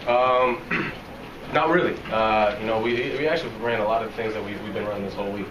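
Fast-talking young man, flat and low. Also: lo-fi sound. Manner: quick, soft-spoken, many fillers and restarts. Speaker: football player at a press conference. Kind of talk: post-game press interview. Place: locker room press area, indoors. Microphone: reporters' recorders held close. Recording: roomy, from a distance, noisy.

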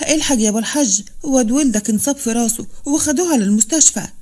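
A woman voicing an anxious, hurried village watchman with an Upper Egyptian accent. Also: very high-pitched, darkish tone. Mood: urgent. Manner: hurried, urgent.

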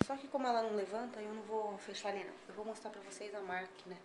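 A woman's voice: medium pitch, racing. A woman with a Brazilian Portuguese accent, vlogging from a hospital room, chatting to viewers and to her child. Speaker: vlogger and mother. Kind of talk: casual vlog chat. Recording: noisy phone recording.

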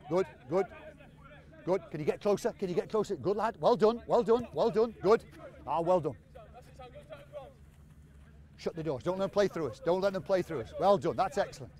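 A man coaching players on an outdoor training pitch, encouraging them and repeating short commands. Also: expressive, normal speed, long pauses, a little mellow. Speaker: football coach. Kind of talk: on-field coaching instruction.

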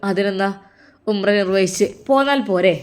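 A woman's voice: medium pitch, moderate pace, natural voice. A woman voicing a tender, devout older mother who talks with a Malappuram Malayalam accent and prays fervently over her children. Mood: fond. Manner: fervent, prayerful, doting.

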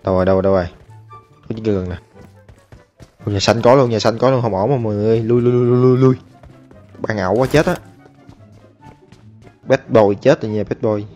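A man giving excitable, chatty commentary over his own gameplay, talking to viewers and taunting enemies. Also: fairly low pitch, a little fast, pauses often, lo-fi sound. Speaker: gaming streamer. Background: game music and gunfire.

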